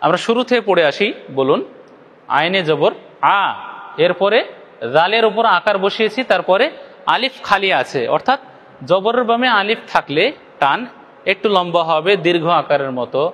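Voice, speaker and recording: A man's voice: sits high, animated, normal speed, pauses often, fairly bright tone, big-room sound. A man from Bangladesh teaching Quran recitation step by step, asking questions, answering them himself and stretching out demonstration syllables to the viewers. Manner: addresses viewers directly. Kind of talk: step-by-step lesson.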